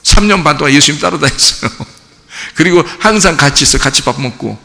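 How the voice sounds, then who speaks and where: Male pastor preaching, gravelly bright voice, acts out bible folks, big church echo. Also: fairly high pitch, a little fast. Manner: lively, acts out biblical figures in dialogue. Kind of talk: sermon. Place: church sanctuary.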